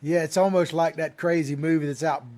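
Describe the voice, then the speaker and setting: A male talk show host speaks in an old Florida cracker drawl from the American South. His voice sits high for a man. He interviews in a folksy, rambling, conversational way. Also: steady tone, fairly quick, a little mellow. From small-town Florida, US South.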